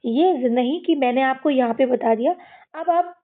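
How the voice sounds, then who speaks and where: A woman's voice: high voice, normal speed. A woman teaching children to read English words, repeating each sound and asking them questions as she goes. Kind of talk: slow explanatory lesson to children. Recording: tinny phone-like recording.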